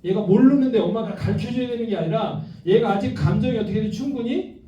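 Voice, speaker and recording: Male lecturer with a high but very dark, mellow voice, addressing an audience with constant questions; recorded from afar in an echoey hall. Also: quick pace, far from the mic, lo-fi sound. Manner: keeps asking the audience questions. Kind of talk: public lecture to a live audience.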